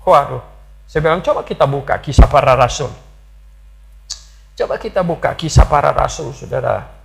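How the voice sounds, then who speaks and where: An older man preaching a sermon, swinging between loud emphatic peaks and low asides, and asking the congregation rhetorical questions. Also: moderate pace, gravelly, poor audio. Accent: Indonesian. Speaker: pastor.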